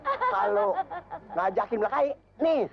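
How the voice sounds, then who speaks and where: A blustering Betawi foreman with a high, swooping voice, comic amateur exorcist in a horror film. Muffled sound with loud noise. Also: huge pitch swings, moderate pace, gravelly, crowd noise, exaggerated voice. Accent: Betawi Jakarta.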